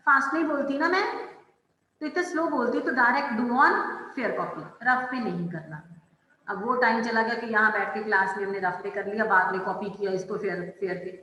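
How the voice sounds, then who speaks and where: A woman teacher leads an online class in a bright, forceful voice that sits a little high. She talks slowly and deliberately, drawing out her phrases as she calls on students by name. The sound rings in an echoey room with a long tail of reverb. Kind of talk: online class lesson, mixing Hindi and English.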